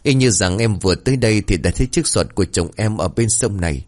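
A man's voice: lowish voice, expressive, quick pace, darkish tone, close to an everyday voice. A distraught village wife pleads with her neighbours in a wailing, anxious voice, put on by a man narrating a spoken horror story. The voice rises and swings widely with her worry. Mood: worried.

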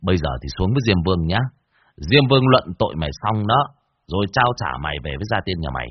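A man's voice: sits low, expressive, fast talker, lo-fi sound. A man voicing a harsh young male exorcist who interrogates and threatens a ghost. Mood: harsh scolding.

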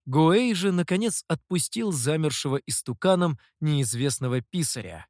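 A man narrating a story as an audiobook, with an expressive storytelling manner. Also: fairly high pitch, moderate pace, no echo, studio quality.

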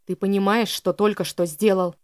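A man's voice: high-pitched, fairly even intonation, fast, dry recording, studio quality, lightly acted. A woman voicing a stern, protective older brother who gives harsh orders. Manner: harsh, commanding.

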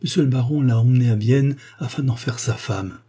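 A man's voice: medium pitch, brisk, warm tone, slightly rough, voice pushed up. A man reading the part of a frightened ex-valet who begs and cries out in a story. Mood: subdued. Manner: pleading, crying out. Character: desperate male ex-valet accomplice.

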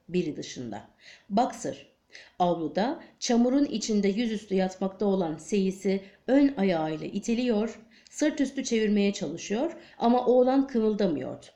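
Mellow woman narrating an audiobook. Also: medium pitch. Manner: steady, measured storytelling. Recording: echoey room.

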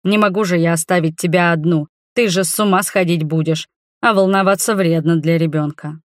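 A woman reading the lines of a gentle, calm adult husband in a storybook. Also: fairly low pitch, no room sound, studio quality, lightly acted. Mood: calm tender. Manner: calm, tender, slow.

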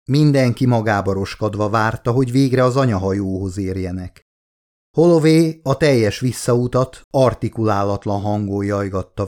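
A man reading his own novel aloud in a steady, dramatic audiobook narration. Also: mid-range voice.

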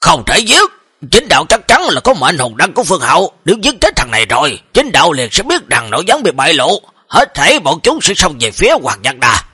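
A man's voice: a little high, wildly swooping pitch, brisk, breathy edge, no echo, studio quality, exaggerated voice. Man voicing a cold stern sect leader. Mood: commanding. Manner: scolding, shouts.

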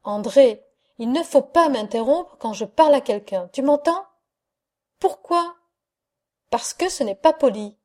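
Young widowed mother, curt and scolding , voiced by a woman reader; warm low tone. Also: expressive, a little slow, long pauses.

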